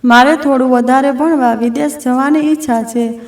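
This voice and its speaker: A woman's voice: high-pitched, fairly even intonation, moderate pace. A woman voicing a strong-minded, heartfelt grown woman who talks in an earnest, reflective way. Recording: roomy echo from a distant mic.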